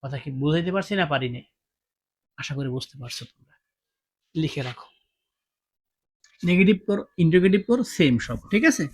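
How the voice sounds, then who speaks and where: A man's voice: a little high, animated, brisk, long pauses. A man teaching English grammar, asking his students questions and repeating each point. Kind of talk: classroom-style grammar lesson.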